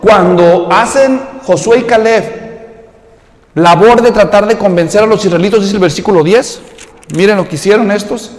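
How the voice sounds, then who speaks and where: Animated preacher. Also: male voice, high voice, normal speed. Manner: animated, acts out quotes in raised voice; humorous storytelling asides. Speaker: pastor. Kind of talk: sermon. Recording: echoey hall reverb.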